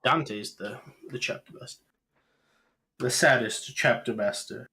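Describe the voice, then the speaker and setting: A man's voice: medium pitch, unhurried, bright, forceful tone, breathy edge. A man co-hosting a podcast, chatting casually, joking, laughing often and swearing. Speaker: podcast co-host. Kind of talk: casual banter.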